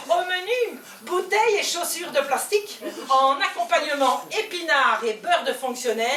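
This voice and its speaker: Bright-voiced Belgian woman doing stand-up. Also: high-pitched, slight background noise. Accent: Belgian French. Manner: theatrical, swings between loud outbursts and hushed asides. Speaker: comedian. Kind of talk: stand-up comedy monologue on stage. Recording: echoey hall, voice from far off, faint ambience.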